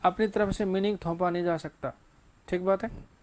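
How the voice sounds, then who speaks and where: A man's voice: high voice, fairly even intonation, normal speed, a little mellow, a little hiss or hum. A male English teacher giving a classroom grammar lecture, asking rhetorical questions and answering them himself, with casual joking asides.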